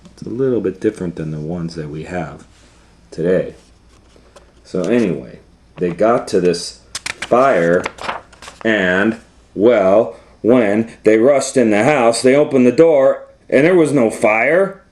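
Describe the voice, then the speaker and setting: Reading a children's story aloud, this storytime host pauses to give simple, conversational explanations along the way. He has a lowish voice with a darkish tone.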